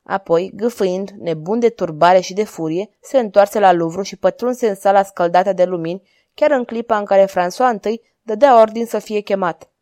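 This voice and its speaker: A woman reading a historical novel aloud as an audiobook narrator, calm and even. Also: mid-range voice, no echo, studio quality.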